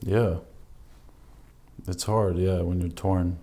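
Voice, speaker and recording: A man's voice: deep voice, steady tone, takes it slowly, dark tone. A man asking questions as the interviewer in a casual interview.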